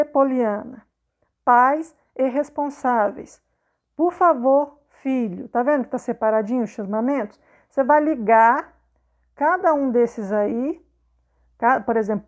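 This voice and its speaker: Brazilian lady teacher, high voice, patient, keeps asking "right?" and going over each step again. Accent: Brazilian Portuguese, not southern. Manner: patient, repeats questions with frequent "né?" and "tá?". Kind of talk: explanatory video lesson.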